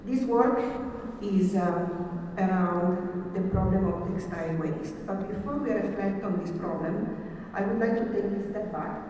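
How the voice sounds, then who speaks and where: A woman, a professor giving a formal, measured conference keynote. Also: medium pitch, warm tone. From Italy. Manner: formal, measured, reading from slides. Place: large conference hall. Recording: echoey hall from far off, faint hiss.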